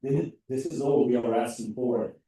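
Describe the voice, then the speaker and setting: A man's voice: medium pitch, dark tone. Earnest young man from Turkey, echoey hall. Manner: earnest, halting, some non-native phrasing. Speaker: student club member. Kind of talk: public comment at a meeting. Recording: echoey hall, mic from a distance.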